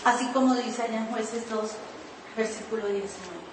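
A woman's voice: on the high side, moderate pace, background noise. A woman pastor preaching a sermon, telling her own story and acting out her pleading in a sing-song whine. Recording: echoey room, voice from far off.

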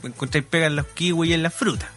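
A man's voice: on the high side, quick pace, bright, forceful tone, faint music behind. A man with a Chilean accent, co-hosting a podcast and telling rambling anecdotes full of slang. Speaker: podcast co-host. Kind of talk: casual storytelling.

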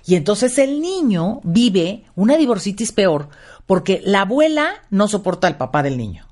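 A woman's voice: mid-range voice, very animated, moderate pace, darkish tone. An older woman, a child psychologist talking as a radio guest, telling stories animatedly and acting out the people she quotes. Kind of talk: radio interview talk.

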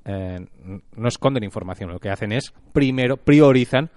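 A man's voice: mid-range voice, moderate pace, darkish tone, no echo. A man chatting casually as the co-host of a podcast.

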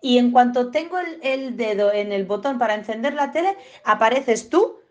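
A woman with a Spain Spanish accent talks viewers through dog training in a loose, chatty way. Her voice sits fairly high, and she keeps wandering off topic before pulling herself back. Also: lively intonation, moderate pace, highs cut off. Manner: chatty and digressive, acts out owners and dogs in high voices. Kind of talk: casual spoken lesson to viewers.

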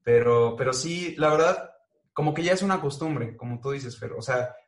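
A young man with a Mexican accent talks about his animation and voice work as a guest in a casual interview. He's playful, joking and chatty, with frequent fillers, speaking at medium pitch and a moderate pace in a roomy-sounding space.

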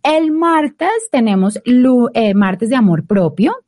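Woman, Colombian accent, mellow timbre, dry recording, casual chatty talk, playful radio host. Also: fairly high pitch, animated, slow, no echo. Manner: playful, chatty, uses diminutives and formal usted. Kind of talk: casual chat.

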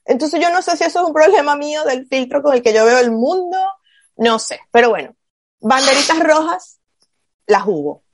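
A woman in casual podcast chat, animated and confiding, with quick asides. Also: high voice, dry recording, studio quality.

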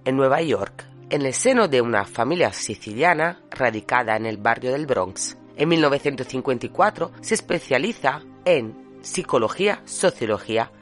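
Lively man explaining. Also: medium pitch, moderate pace, soft background music. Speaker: host of an educational psychology video. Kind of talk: scripted explanatory narration.

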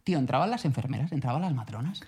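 A man from co-hosting a podcast in casual chat, telling stories with lively voiced asides. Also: medium pitch, rapid-fire, husky. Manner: animated storytelling, voices other people in quotes. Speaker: podcast co-host.

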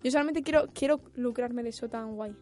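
High-voiced chatty woman. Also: brisk, dark tone, soft background music. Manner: chatty, gushing, exclamatory. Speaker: podcast co-host. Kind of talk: casual chat.

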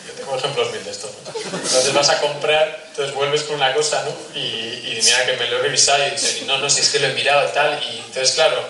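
Male speaker addressing parents, bright and forceful, chatty with asides to the audience, recorded far off in a roomy hall. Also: mid-range voice. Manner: conversational, asks the audience questions, acts out little scenes. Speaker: speaker giving a talk on family and faith. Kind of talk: talk to parents.

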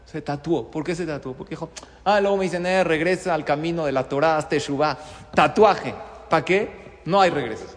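A middle-aged man, a rabbi, gives a sermon in a synagogue, telling a story with lots of rhetorical questions. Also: on the high side. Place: synagogue study hall. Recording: long reverb in a hall.

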